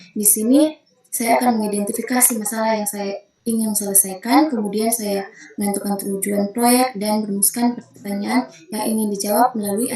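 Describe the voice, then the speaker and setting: A woman's voice: mid-range voice, reverberant, poor audio. Young woman giving a formal student presentation. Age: young adult. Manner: methodical, steady, occasional self-corrections. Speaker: student presenting a thesis proposal. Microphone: video call.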